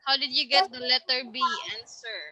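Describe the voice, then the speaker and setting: A woman teacher taking students through a science quiz, reading out each question and its answer choices slowly and patiently. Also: high-pitched, steady tone, pushed and bright, low-quality recording. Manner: slow, patient quiz-style questioning, reads answer options aloud. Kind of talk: online science review lesson.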